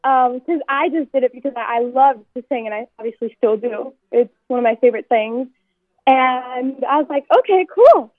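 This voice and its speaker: A woman's voice: high-pitched, moderate pace, dry recording. A woman in her twenties, a singer calling in to a radio interview, chatting upbeat and telling stories. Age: 20s. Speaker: singer guest. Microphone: phone. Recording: tinny phone line.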